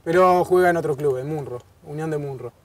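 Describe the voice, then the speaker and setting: A man in his thirties with a Rioplatense Spanish accent, a guest footballer chatting casually in an outdoor garden bar, relaxed and repeating his words. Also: on the high side, brisk. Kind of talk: casual interview chat. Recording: distant outdoor pickup, faint ambience.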